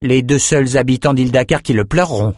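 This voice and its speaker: A man's voice: mid-range voice, fairly quick, a little mellow, dry recording, pitched above the performer's own voice, lightly acted. A man putting on a proud young swordsman in a storybook reading, cutting and sarcastic, his voice raised well above the reader's own, recorded close and dry. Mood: defiant.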